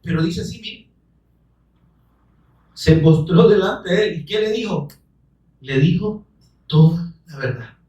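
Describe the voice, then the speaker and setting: A man preaching a sermon, fervent and rising to shouts, calling listeners brother. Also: high-pitched, a little slow, pauses often. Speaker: pastor. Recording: echoey room, voice from far off the mic.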